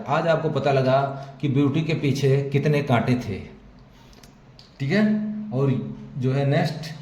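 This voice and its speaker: A man teaching an English vocabulary lesson with an Indian accent, explaining slowly and repeating points, mixing Hindi with English words. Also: mid-range voice, dark tone. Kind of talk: screen-share vocabulary lesson. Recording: echoey room with faint ambient noise.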